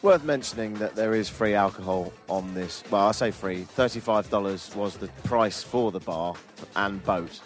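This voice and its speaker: A man's voice: on the low side, normal speed, few pauses, faint music behind. A man hosting a travel vlog outdoors on a river boat, speaking in a dry, self-deprecating, joking way. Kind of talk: casual travel chat.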